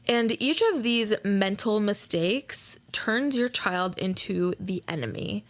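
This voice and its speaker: A woman's voice: medium pitch, takes it slowly. A woman hosting a solo podcast, talking casually with lots of fillers and asides, now and then reading from a book. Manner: chatty, many fillers and "right?" asides; reads aloud from a book. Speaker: podcast host.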